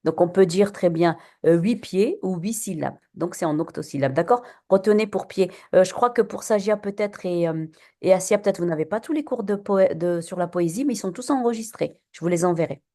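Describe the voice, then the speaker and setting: A woman's voice: on the low side, brisk, mellow. A woman teacher giving a classroom lesson on poetry, patient and questioning, with many fillers and restarts.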